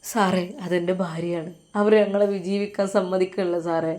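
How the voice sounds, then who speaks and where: A woman voicing a desperate young husband of twenty-three in a told story, pleading softly and sobbing. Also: lowish voice, fairly even intonation, moderate pace, natural voice. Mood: pleading, grieving. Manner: pleading, sobbing, soft-spoken. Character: young man, 23, desperate lover.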